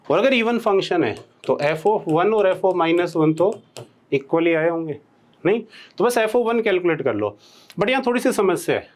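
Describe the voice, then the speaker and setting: Indian male maths tutor, a bit high-pitched, dictates formulas slowly and checks in with the class every line. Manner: checks in constantly with rhetorical questions. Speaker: maths teacher. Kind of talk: blackboard lecture.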